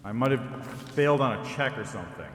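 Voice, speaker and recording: A man's voice: medium pitch, expressive, fast, a little hiss or hum. A man streaming a game, muttering and reading options aloud, with a voice changer that puts his voice in a cathedral-like reverb. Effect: voice changer set to cathedral reverb. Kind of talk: casual gameplay commentary. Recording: roomy long hall echo from voice changer.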